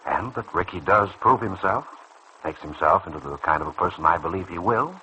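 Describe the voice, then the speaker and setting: A radio serial actor voices a doctor in a vintage soap, calmly and earnestly counselling a younger colleague with measured, probing persuasion and a reassuring mood. His full character voice is low and slightly rough, with the highs cut off in the noisy old recording.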